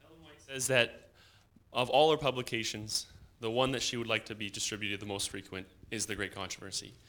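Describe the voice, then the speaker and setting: A young man, a student literature evangelist, telling a personal testimony with animated retelling and frequent restarts. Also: fairly low pitch, a little fast. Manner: animated storytelling with many restarts.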